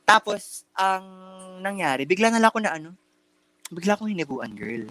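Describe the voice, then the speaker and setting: In casual podcast chat, a young male co-host narrates a story in Taglish, with plenty of fillers, restarts, and campy slang. His voice sits high, with a sing-song lilt, a sharp tone, and a slightly fast pace.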